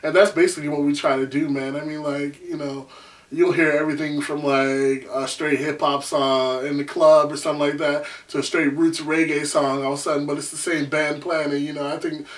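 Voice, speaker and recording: A man's voice: fairly high pitch, little pitch movement, fairly quick, far from the mic. Laid-back young man, off mic. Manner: laid-back, lots of "man" and "you know". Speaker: singer and beatboxer in a band, guest. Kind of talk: casual interview chat.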